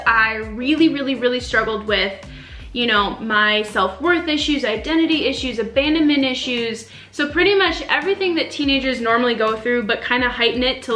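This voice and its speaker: A young Romanian-born woman chats earnestly in a casual sit-down faith vlog, with plenty of ums and likes. Her voice is a little high, bright, and forceful, and the room echoes over faint music.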